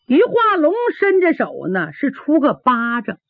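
A woman's high voice swoops wildly in pitch as she unhurriedly narrates a martial arts story in the pingshu tradition, complete with vocal sound effects and rhythmic lists. The tinny old radio recording has no room sound.

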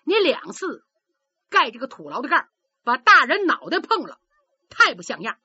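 A woman's voice: extremely high pitch, big pitch swings, normal speed, pushed and bright, dry recording, lo-fi sound, voice pushed up, heavily acted. A woman voicing a hot-tempered young male swordsman who scolds indignantly. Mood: angry.

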